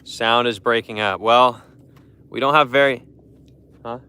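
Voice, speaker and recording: Young guy fishing on a lake, streaming from his phone, smooth clear voice, rambles and repeats stuff. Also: medium pitch, fairly even intonation, a little slow, bright, forceful tone. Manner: rambling, repeats words, talks to chat. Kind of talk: casual live stream chat. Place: on a boat on a lake outdoors.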